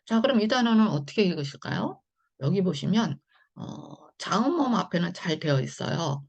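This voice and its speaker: A woman teaching English phonics in an online lesson, talking slowly and patiently with many fillers. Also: on the low side, big pitch swings, gravelly, darkish tone, slightly rough.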